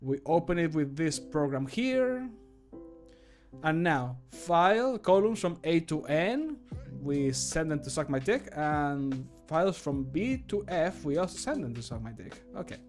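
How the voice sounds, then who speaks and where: Speaking at a measured pace with big swings in pitch, this man's voice sits on the high side. He's a streamer and amateur voice actor chatting casually, jokingly and with plenty of swearing while he works on stream, over background music.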